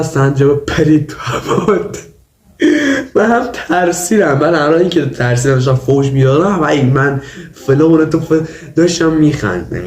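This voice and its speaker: A man's voice: medium pitch, a little mellow, roomy sound, slight background noise. A young man with a cold, chatting through a try-not-to-laugh reaction video and insisting the clips aren't funny. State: has a cold. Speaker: YouTuber.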